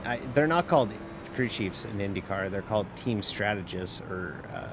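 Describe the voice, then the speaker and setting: With a crowd audible in the background, a man with a lowish, expressive voice talks at a moderate pace during a live stream of his sim racing. His chat is casual and self-deprecating, rambling along with plenty of fillers and casual cursing.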